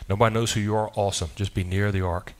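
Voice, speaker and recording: Lower-voiced man preaching a sermon. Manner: animated, conversational preaching with asides and quick restarts. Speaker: pastor. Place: church sanctuary.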